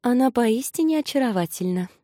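A sweet, gushing young noblewoman, as a woman reader puts her on, murmuring in a light, raised voice. Her tone is soft and mellow, heard close and dry. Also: on the high side, animated, brisk, no room sound, voice pushed up. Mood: admiring.

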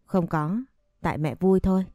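A woman voicing a gentle mother, soft and soothing, speaking in a low, warm, mellow voice. The recording is dry and close, with faint music beneath. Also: normal speed, dry recording, lightly acted. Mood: tender. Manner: tender, soothing. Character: gentle loving young mother. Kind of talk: audio story reading.

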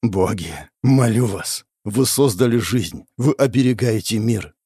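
A man playing a gentle, devout tree demon father who speaks quietly and with sighs, over guitar music. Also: on the low side, unhurried, husky, no room sound. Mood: prayerful. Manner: quiet, sighing, whispering. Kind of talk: audiobook character voice.

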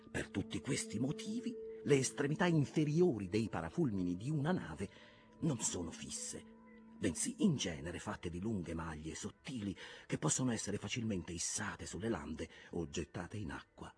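A man narrating an audiobook of a classic novel in a calm, measured reading. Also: low-pitched. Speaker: audiobook reader. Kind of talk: scripted narration.

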